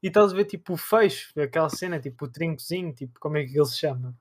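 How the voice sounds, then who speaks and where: A young man with a European Portuguese accent chatting casually and telling stories with friends in an excitable, slangy, insistent manner. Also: on the high side, rapid-fire, slight background noise. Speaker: podcast co-host. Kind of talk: casual chat, storytelling among friends.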